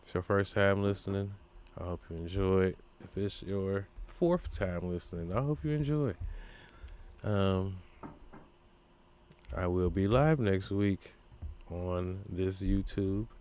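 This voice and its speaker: Laid-back male podcast host with a deep voice, slow pace, and loose, filler-heavy talk. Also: fairly even intonation, darkish tone, smooth. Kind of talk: casual solo podcast talk.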